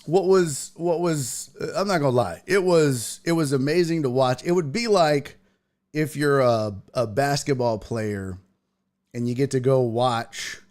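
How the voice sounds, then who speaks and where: A man's voice: medium pitch, a little slow, darkish tone. Rambling fifty-year-old male podcast host. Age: 50s. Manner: rambling storyteller, repeats himself, frequent verbal restarts. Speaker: podcast host and stand-up comic. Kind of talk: casual chat.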